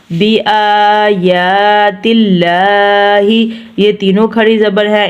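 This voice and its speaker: A patient woman teaching Quran recitation, stretching each recited word slowly before explaining it. Her voice sits at a middle pitch, and the recording sounds slightly dull and lo-fi. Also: darkish tone. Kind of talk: tajweed lesson, slow recitation then explanation.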